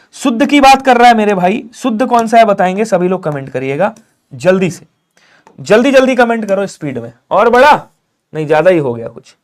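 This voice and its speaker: A man with a high-pitched voice runs a live online exam-prep class. He keeps pressing viewers to comment fast and voices the students' answers himself. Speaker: Hindi teacher.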